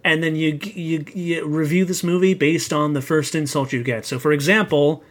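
A man's voice: a little high, fairly even intonation, normal speed. Playful man co-hosting a podcast. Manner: mock-solemn, playful delivery. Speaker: podcast co-host. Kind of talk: casual movie review chat.

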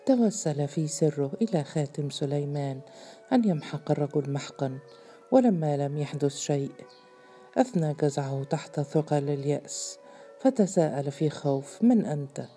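A woman narrates a story in a measured, deliberate way. Her voice is low and very dark, and soft music plays faintly beneath her reading. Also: expressive.

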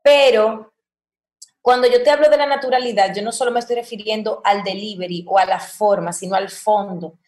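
A woman's voice: mid-range voice, fairly quick. Dominican woman, echoey room. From Dominican Republic. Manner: expressive, acts out example lines in varied voices. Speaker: guest, voice-over mentor. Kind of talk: casual interview talk.

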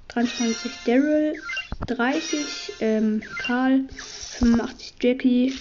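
Hoarse woman doing upbeat game commentary. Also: on the high side, noisy background. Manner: upbeat, reads out item counts in quick bursts. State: slightly hoarse from a cold. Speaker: gaming channel host. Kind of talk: casual gameplay commentary. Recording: dull lo-fi audio with game music. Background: game music.

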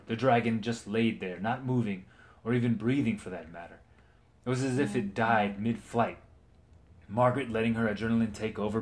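A man reading a fantasy story aloud dramatically, stumbling and restarting now and then. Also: on the low side.

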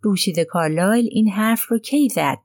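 A woman voicing a sharp-witted older male detective who asks measured, probing questions in an audiobook. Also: mid-range voice, no echo, clean studio sound, lightly acted. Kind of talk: audiobook reading.

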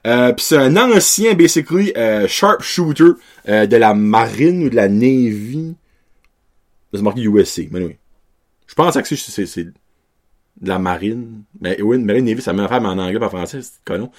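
A man's voice: on the low side, animated, normal speed. A man with a Québécois French accent giving a casual, rambling film review, slipping English words into his talk. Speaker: movie reviewer.

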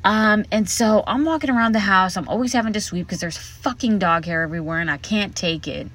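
A woman's voice: mid-range voice, fairly quick, a bit bright. A woman hosting her podcast from inside a hotel room closet, chatting frankly and with plenty of swearing. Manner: frank, profane, chatty storytelling. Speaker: podcast host. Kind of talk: casual solo podcast monologue. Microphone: podcast mic set up in the closet.

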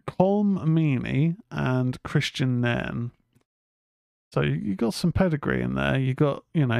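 A man's voice: medium pitch, gravelly, a little mellow, clean tone, no room sound, clean studio sound. A man hosting a film review podcast, chatting in a rambling way and swearing freely. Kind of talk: casual film review chat.

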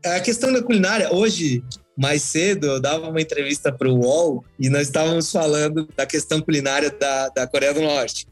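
A man's voice: a little high, moderate pace, no echo, soft background music. A man chatting as a podcast guest, telling rambling travel stories with folksy asides. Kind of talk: casual podcast chat.

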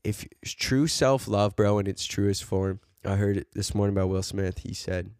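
A low-voiced man on a podcast, talking in a fired-up, preachy way. He drops bro and man as he pushes his points. The sound is close and dry. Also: moderate pace, darkish tone, clean tone, no echo. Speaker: podcast co-host. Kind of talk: casual podcast chat.

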